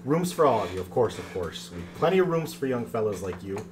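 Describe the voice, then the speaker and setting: Kindly old goblin lady innkeeper, tabletop game, creaky warble, doting; male performer doing a woman's voice. Noticeable background noise. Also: fairly low pitch, sing-song, quick pace. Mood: sweet, doting.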